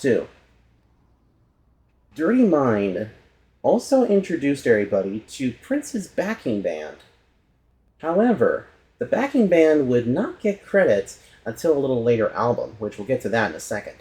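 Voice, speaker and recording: A man hosting and narrating a casual documentary about a musician, chatty and quick to correct himself aloud. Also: medium pitch, huge pitch swings, mellow. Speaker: host.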